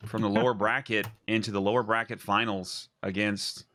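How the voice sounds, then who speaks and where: A man hosting and commentating a live esports tournament, excitable and exclamatory. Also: on the low side, normal speed, a little hiss or hum.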